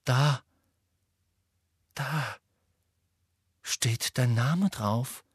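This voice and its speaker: A weary teenage boy sounds puzzled and hesitant, as a man voices him for a storybook. The tone is husky and close. The room sound is dry. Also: medium pitch, drawn-out words, dry recording.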